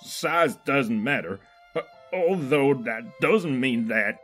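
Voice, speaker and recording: A man voicing a big, bashful male farm pony who rambles earnestly in a folksy, halting way. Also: mid-range voice, expressive, a bit bright, faint music behind, pitched above the performer's own voice. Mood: flustered, earnest.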